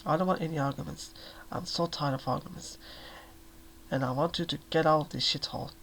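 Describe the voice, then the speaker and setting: A desperate, exhausted young mother, as a male reader puts her on, raw and pleading. The voice has a gravelly edge, with faint noise in the background. It is a soft-spoken ASMR reading. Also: a little high, fairly even intonation, a little fast. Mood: tearful.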